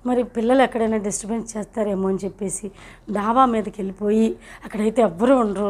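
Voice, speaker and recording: A woman's voice: on the high side, a little mellow. A middle-aged woman from India telling her personal testimony in an earnest, emotional way. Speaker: testimony speaker.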